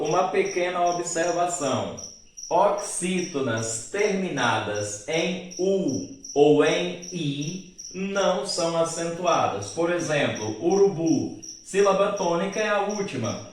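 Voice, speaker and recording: Male teacher, slow and deliberate delivery, spells out word endings; very echoey room, mic at a distance. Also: a little high. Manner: asks questions in a student's voice and answers them. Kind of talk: recorded grammar lesson.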